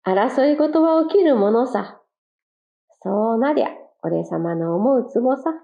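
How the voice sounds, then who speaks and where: A woman voicing a scheming, boastful male bird-catcher who talks in a gruff, cocky way. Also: on the high side, expressive, a little slow. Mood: smug. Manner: gruff, cocky, self-satisfied. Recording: dull lo-fi recording.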